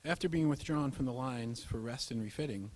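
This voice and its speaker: In a mid-pitched, slightly mellow voice, a male narrator reads scripted history in a formal, measured documentary style. The recording is rough.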